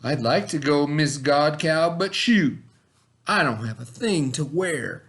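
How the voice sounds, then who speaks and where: A man's voice: a little high, lively intonation, slow pace, fairly bright tone, full character voice. Man playing a bashful, folksy young cowboy. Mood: wistful. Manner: folksy country talk.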